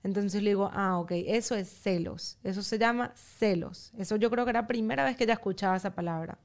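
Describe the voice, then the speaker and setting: A woman guest on a podcast, speaking calmly and in a measured way as she explains her parenting approach step by step. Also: medium pitch. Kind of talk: casual chat.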